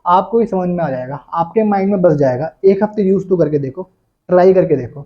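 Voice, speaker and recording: A man's voice: high-pitched, expressive, a little fast. Young Indian man teaching English casually. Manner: repeats a filler after nearly every phrase. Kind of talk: casual spoken English lesson. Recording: dull lo-fi sound.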